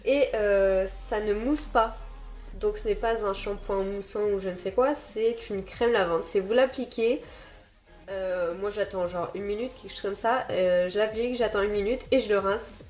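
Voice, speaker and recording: A woman's voice: mid-range voice, normal speed, darkish tone, soft background music. A woman with a very nasal, stuffed-up voice, sick with a blocked nose, chatting casually and apologetically to viewers as she recommends beauty products. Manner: self-deprecating, apologetic. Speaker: beauty and haul vlogger.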